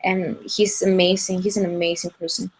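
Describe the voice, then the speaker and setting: Young woman, halting English. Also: on the low side, flat delivery, noisy background. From Ecuador. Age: young adult. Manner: halting, many restarts and fillers. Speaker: guest singer. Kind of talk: casual interview over a video call.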